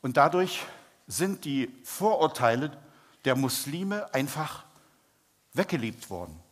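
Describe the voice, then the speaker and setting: A man preaching and telling a testimony story, speaking in a measured way and slowing down for emphasis. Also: mid-range voice, sing-song. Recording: long reverb, hall.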